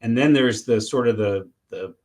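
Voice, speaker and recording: Halting middle-aged man, interview answers. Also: mid-range voice, darkish tone. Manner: halting, many restarts and fillers, laughs often. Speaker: interviewed surgeon.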